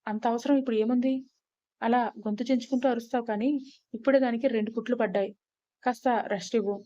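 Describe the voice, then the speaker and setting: A woman voicing a gruff young rowdy. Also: a little high, steady tone, fast talker, warm tone, dry recording, muffled recording, natural voice. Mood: firm.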